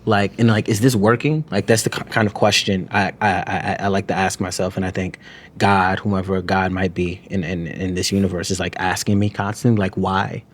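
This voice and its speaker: A deep, level-toned voice belongs to this guest author and poet from New York. He talks reflectively but haltingly, often restarting and saying "you know what I'm saying."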